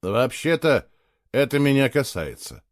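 Guy reading a low firm lover, quiet and hushed, dry close sound. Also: big pitch swings, unhurried, dry recording. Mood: cold, jealous. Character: grown man, cold then tender lover.

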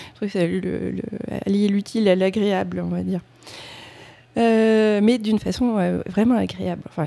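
A woman's voice: mid-range voice, gravelly, dark tone. A woman hosting a music radio show, talking casually between tracks, hesitant, with many fillers, restarts and self-mocking asides. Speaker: radio host presenting music. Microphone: studio microphone.

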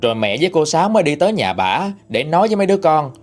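A man's voice: on the high side, very animated, rapid-fire, soft background music. A man narrating a ghost story in a conversational retelling.

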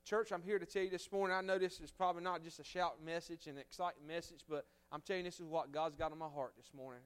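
A man preaching a revival sermon as a guest preacher, swinging from loud fervent exhortation to hushed storytelling. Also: fairly high pitch, steady tone, fast, smooth. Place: church sanctuary.

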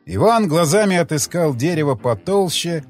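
A man narrating an audiobook with a dramatic, lively delivery. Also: a little high, normal speed, faint music behind.

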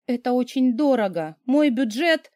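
Played by a woman, a harried young nanny whining and pleading in a raised voice. Her pitch jumps about animatedly. The recording is dry and close. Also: expressive, moderate pace, darkish tone, no echo. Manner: whiny, pleading.

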